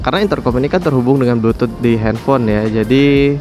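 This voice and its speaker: Talking to viewers in a casual motovlog, a man explains things in a conversational way and frequently checks in with his audience. He speaks quickly in a mid-range voice with a dark tone, over soft background music.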